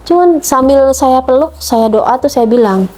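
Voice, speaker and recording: Middle-aged woman with a mellow voice. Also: expressive, unhurried. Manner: emotional retelling, acts out dialogue with rising pitch. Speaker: mother telling her conversion story. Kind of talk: personal testimony.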